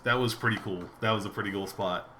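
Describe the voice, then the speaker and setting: A man hosting a casual podcast, relaxed, asking his guest questions and reading out chat. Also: lowish voice, fast, background noise. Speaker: host.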